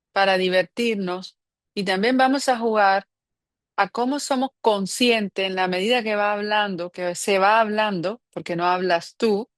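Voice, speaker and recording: A woman's voice: mid-range voice, dry recording. A woman leading a spiritual group session, talking in a reflective, playful way and laughing often. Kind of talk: guiding a group meditation talk.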